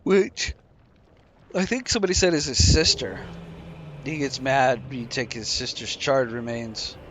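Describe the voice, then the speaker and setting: A man's voice: mid-range voice, unhurried, a little hiss or hum. A tired man streaming a game, casually explaining each move as he plays. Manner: relaxed, explaining while playing, yawning. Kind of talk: casual gameplay commentary. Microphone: desk microphone.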